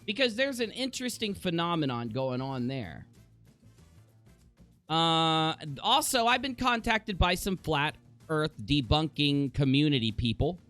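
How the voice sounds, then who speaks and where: Streamer host, male, lively pitch, talkative ranter with faint music behind. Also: a little slow. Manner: animated, ranting, swears casually. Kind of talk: casual livestream chat.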